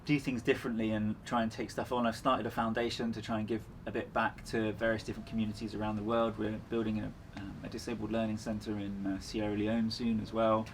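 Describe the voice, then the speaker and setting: An endurance runner, speaking as an interview guest, chats casually in an earnest, reflective way. His lowish voice keeps a level tone at a quick pace with few pauses, against a clearly noisy ambient background.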